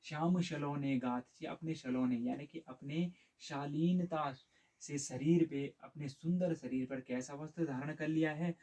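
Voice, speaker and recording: A man teaching Hindi literature for exams. He recites each verse slowly, then explains it with many fillers, and he asks questions and answers them himself. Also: fairly high pitch, steady tone, mellow. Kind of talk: exam-prep lesson explaining poetry.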